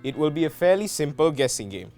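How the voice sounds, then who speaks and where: A man's voice: on the high side, big pitch swings, fast, a little mellow, faint music behind. A young man hosting a student game show, playful with jokey asides. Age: young adult.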